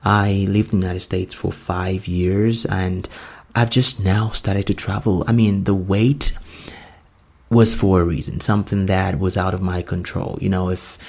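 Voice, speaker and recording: Man, late twenties, gravelly voice, podcast host, earnest, rambling. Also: low voice, little pitch movement, unhurried, darkish tone. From Nigeria. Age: 20s. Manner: earnest, rambling with many fillers. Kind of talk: solo podcast monologue.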